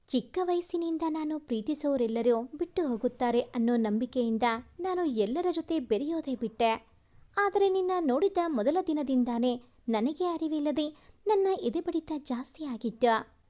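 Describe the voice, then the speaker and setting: A woman reading a storybook part of a quick-tempered young man who pleads for love and scolds harshly. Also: high-pitched, dark tone.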